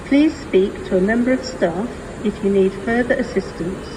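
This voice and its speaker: A woman making formal, measured pre-recorded public announcements in the manner of an airport or railway station announcer. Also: mid-range voice. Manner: measured, formal, item-by-item listing. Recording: noisy station PA with vehicle ambience. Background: train station ambience, vehicles.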